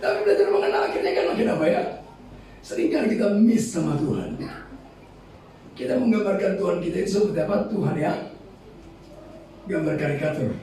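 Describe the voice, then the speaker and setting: Brief: middle-aged Batak pastor from Medan, animated high voice, mellow tone, joking sermon in a big echoey church heard from afar. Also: male voice, brisk, pauses often, a little hiss or hum. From Medan, North Sumatra. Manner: humorous storytelling, laughing, addresses congregation as "saudara". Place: large church hall. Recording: echoey church hall, from far off.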